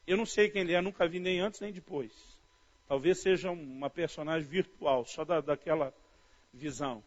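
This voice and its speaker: A man with a Brazilian Portuguese accent preaching a sermon in an animated storytelling manner, often calling his listeners "dear". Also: on the high side, normal speed. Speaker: pastor. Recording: dull lo-fi audio.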